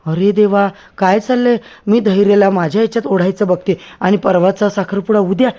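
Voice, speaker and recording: Guy doing a young woman, teasing and pleading, warm low tone. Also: brisk, lightly acted.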